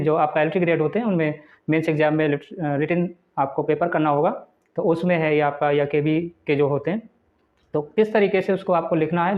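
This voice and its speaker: A man teaching a lecture for exam students, slowly reading out English definitions and then explaining them point by point. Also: a little high. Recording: dull lo-fi recording.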